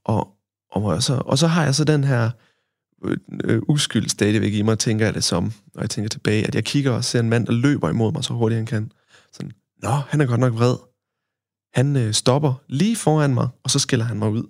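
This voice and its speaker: A man's voice: mid-range voice, gravelly, a little mellow, dry recording, studio quality. A man from Denmark, a podcast guest, telling a long story in casual chat, rambling with many fillers and tag questions.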